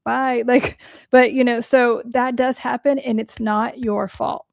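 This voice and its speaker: A woman's voice: a little high, steady tone, measured pace, vocal fry, dry recording, clean studio sound. A young adult woman hosting a livestream as a therapist, talking bluntly and swearing freely while answering viewer questions, her voice cracking a little from a long day of talking. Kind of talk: casual livestream talk.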